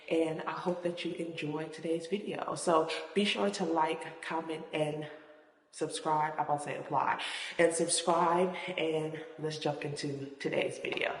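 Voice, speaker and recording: A woman's voice: deep voice, flat delivery, a little slow. A woman talking casually and encouragingly to viewers as a fitness vlogger, recorded in an echoing gym. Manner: encouraging, addresses viewers directly. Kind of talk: casual motivational vlog talk to viewers. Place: indoors in an apartment building gym. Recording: echoing gym, long reverb, faint noise.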